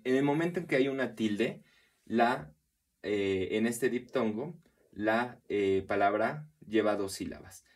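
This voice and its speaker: A man teaching a poetry lesson, counting syllables aloud slowly, with frequent hesitations and restarts. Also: fairly low pitch. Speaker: literature teacher. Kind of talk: explanatory recorded lesson.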